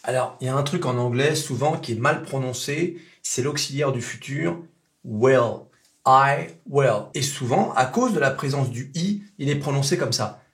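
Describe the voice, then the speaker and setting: A native French speaker giving a casual pronunciation lesson, repeating sounds slowly to demonstrate them. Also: male voice, mid-range voice. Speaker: English pronunciation teacher.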